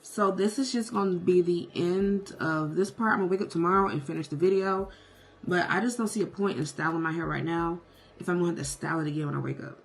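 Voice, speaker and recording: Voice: medium pitch, fast, gravelly. A beauty vlogger chatting casually through a hair tutorial at home, with sassy, playful, self-hyping slang. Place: indoors at home. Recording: noticeable background noise, clicks.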